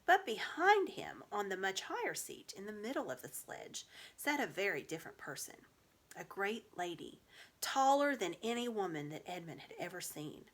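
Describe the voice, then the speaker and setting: Using an expressive narrating style, a storybook reader shares a children's tale aloud. She has a medium-pitched voice and keeps a moderate pace.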